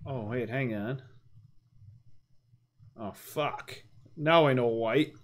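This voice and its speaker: A man's voice: medium pitch, takes it slowly. A man livestreaming a game with casual, informal commentary, chatting to viewers in a self-deprecating, sweary way.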